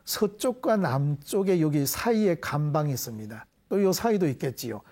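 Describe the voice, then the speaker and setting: High-voiced man teaching Buddhist scripture. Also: expressive, darkish tone. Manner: deliberate, measured, leads call-and-response repetition. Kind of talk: devotional prayer and explanatory dharma lecture.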